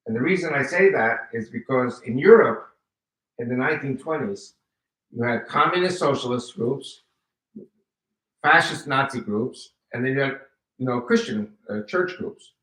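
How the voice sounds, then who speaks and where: This is a lively personal testimony from an American man in his seventies who first spoke Spanish, addressing a live audience as a guest speaker. He speaks at normal speed with a medium pitch, his voice bright and forceful, dramatizing quoted conversations. The mic catches him from far off in a roomy, reverberant hall.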